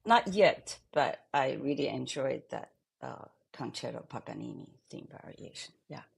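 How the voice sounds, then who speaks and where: An older woman from Taiwan, a pianist and composer, speaking in an interview and trailing off softly at the ends of phrases. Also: very deep voice, lively intonation, creaky, slightly rough. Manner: halting non-native English, trailing off softly at phrase ends. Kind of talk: interview conversation.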